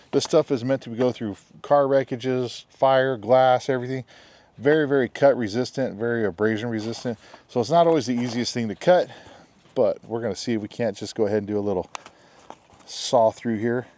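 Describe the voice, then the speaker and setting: Here's a chatty middle-aged knife reviewer, stuffed up with a head cold, showing off a blade outdoors in his backyard. His medium-pitched voice has a darkish tone, and his jokey patter is full of "guys" and "bam."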